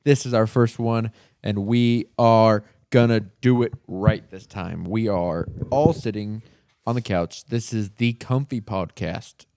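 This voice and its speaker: A man's voice: on the low side, slow, a little mellow, no room sound, studio quality. Crude rambling young man on a couch. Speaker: podcast host. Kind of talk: casual chat. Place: living room couch.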